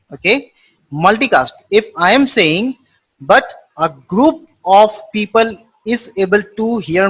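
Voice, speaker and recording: Running a live online class, a man who teaches networking keeps returning to simple definitions of terms and puts questions to his students. His voice sits high and is a bit bright, with a breathy edge.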